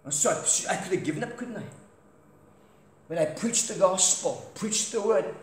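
Walking around a big church hall, a middle-aged guest preacher with a British accent preaches a loud crusade-style sermon laced with anecdotes, his high voice expressive and moderately paced. A far-off camera with no mic captures it amid echo and faint noise.

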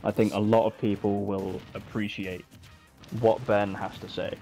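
A man doing lively, casual play-by-play commentary with quick reactions. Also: fairly low pitch, faint music behind. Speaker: esports commentator.

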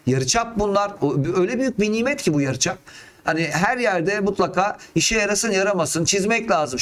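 A man with a fairly high voice teaches geometry, thinking aloud and asking questions to himself as he works. He sounds middle-aged and close to the mic. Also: a bit bright. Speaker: math teacher. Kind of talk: talking through geometry problems.

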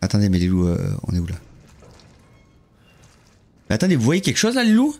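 A man live-streaming a horror game, chatting with viewers in a jokey, lively way and greeting them one by one. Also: on the low side, fairly quick.

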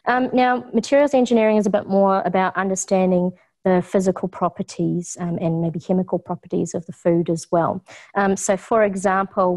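Standing in an office kitchen, a middle-aged New Zealand woman gives a casual community talk about food science. Her voice is warm and fairly low, and she's chatty, says um a lot, and laughs easily.

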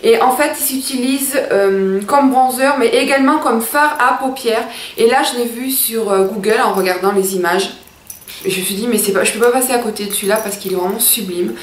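A beauty vlogger in her thirties chats enthusiastically to camera about makeup from a small room at home, calling her viewers girls in this casual review. Her voice is a little high and fairly quick, and the room sounds reverberant.

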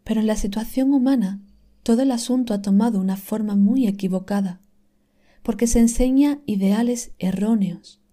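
Woman reader, calm scripted reading, mellow warm tone, unhurried delivery with hushed whispered moments. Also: medium pitch. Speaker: reader of inspirational texts.

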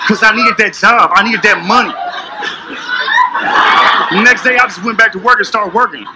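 Male stand-up comic, high voice, animated storyteller who acts out dialogue and shouts punchlines, recorded live on stage with heavy noise. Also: normal speed. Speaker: stand-up comedian. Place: comedy stage before a live audience.

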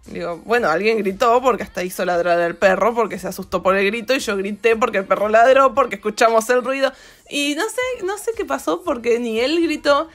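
A woman's voice: mid-range voice, a bit bright. A woman with an Argentine accent, hosting an art channel and chatting casually and ramblingly over her drawing footage, with lots of fillers. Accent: Argentine Spanish.

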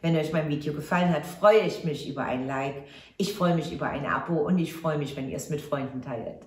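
Effusive woman reading tarot, roomy echo. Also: low voice. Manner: effusive, exclamatory, warmly addressing viewers. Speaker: tarot card reader. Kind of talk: casual tarot reading to camera.

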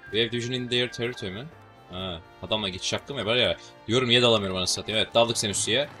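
Man, Turkish accent, quick chatty game commentary, bright edge, faint music behind. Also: on the low side. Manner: chatty, joking, swears casually. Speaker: gaming channel host. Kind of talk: casual strategy game commentary.

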